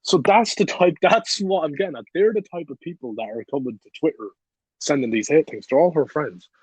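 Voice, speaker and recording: A man's voice: a little high, fairly quick, darkish tone, breathy edge, no echo. A young man in his late teens, a podcast guest telling a story casually, blunt and profane, laughing as he talks. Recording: dull lo-fi, dry recording.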